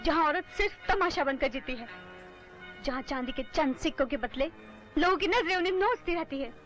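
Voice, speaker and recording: A woman's voice: sits high, lively intonation, brisk, a bit bright, soft background music. An actress playing a young woman who earnestly explains a family tragedy and begs another woman to stay. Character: young woman pleading for her mother's sake.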